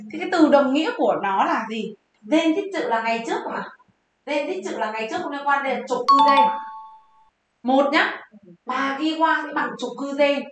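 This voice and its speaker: A high-voiced woman teaches Japanese exam vocabulary. She quizzes her viewers and answers her own questions in a lively, chatty way. Her voice rings out in a strongly echoing room. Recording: very echoey room.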